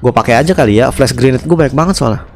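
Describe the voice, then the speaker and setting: A young man with an Indonesian accent giving casual gameplay commentary into a headset, chatty and often repeating words in quick strings. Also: mid-range voice, vocal fry, a little mellow. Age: young adult. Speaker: gaming streamer. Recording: game music behind the voice. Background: video game music.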